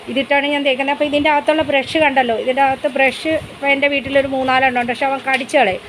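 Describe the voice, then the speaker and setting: A woman with a high, slightly bright voice vlogs casually about her pet dog, chatty and explaining things step by step, then switches to coaxing baby talk with the dog. The audio is poor, with a little hiss or hum.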